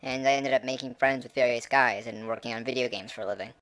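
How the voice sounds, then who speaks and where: A man's voice: medium pitch, fairly even intonation, fast, a bit bright, close to an everyday voice. A man voicing a laid-back male alien who gave up conquering, talking casually and sarcastically. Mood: easygoing.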